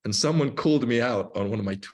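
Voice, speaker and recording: A man in his twenties with a medium-pitched, darkish voice talks fast while hosting a livestream. He coaches as an online business coach, explaining things informally and repeating points for emphasis in casual livestream chatter.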